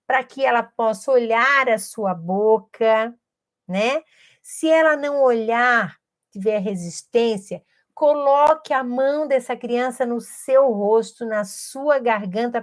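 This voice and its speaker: A woman educator, patiently explaining a teaching method to camera and modelling speech sounds aloud. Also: on the high side.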